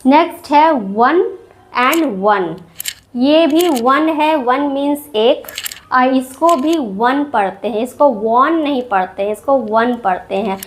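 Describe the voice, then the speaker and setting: A woman with an Indian accent, teaching English vocabulary as a channel host in slow, patient explanations that repeat each point. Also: high voice, slight background noise. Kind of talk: explaining English words in Hindi.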